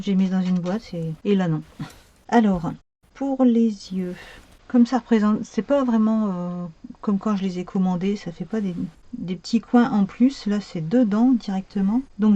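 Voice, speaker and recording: A woman's voice: medium pitch, dark tone, dry recording, muffled recording. A woman talking her way through a card-making tutorial, chatty and thinking aloud with many fillers as she works. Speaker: craft tutorial host. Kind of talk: crafting tutorial narration.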